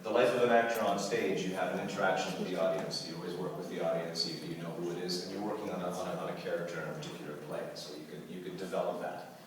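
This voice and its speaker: Recorded from a distance in an echoey convention hall full of crowd noise, this deep-voiced Canadian man speaks rapid-fire in a steady tone, barely pausing. He's a guest actor answering audience Q&A, rambling, repeating himself and laughing often.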